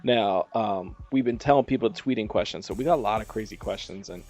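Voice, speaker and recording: A man's voice: on the low side, brisk, darkish tone. A man hosting a radio show, interviewing a guest in a casual, laid-back way with loose, rambling questions. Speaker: radio host.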